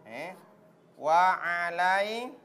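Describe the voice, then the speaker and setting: A woman's voice: fairly low pitch, animated, extremely slow, a bit bright. A woman teaching recitation, drawing out syllables and correcting her pupils in a call-and-response drill. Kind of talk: classroom pronunciation drill. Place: broadcast studio classroom.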